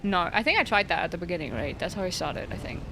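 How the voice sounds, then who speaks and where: A woman's voice: lowish voice, big pitch swings, fast talker, over music. A young woman streaming a video game, chatting casually with her viewers and joking about her own failures. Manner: chatty, talks to chat and replies to their messages; frustrated, self-mocking banter. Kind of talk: casual live-stream chat while gaming.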